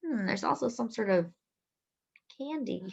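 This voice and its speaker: Against a noisy background and lo-fi sound, a woman with a slightly high, gravelly voice hosts story time. She reads a picture book to young children in an expressive sing-song manner, drawing out phrases and adding asides and questions.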